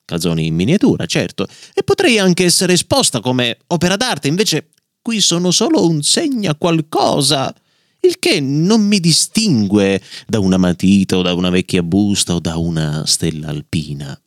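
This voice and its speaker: A man's voice: medium pitch, big pitch swings, normal speed, no echo, clean studio sound, natural voice. A man doing an indignant leather bookmark. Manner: indignant, declamatory outburst. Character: proud, touchy female leather bookmark. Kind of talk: storybook reading.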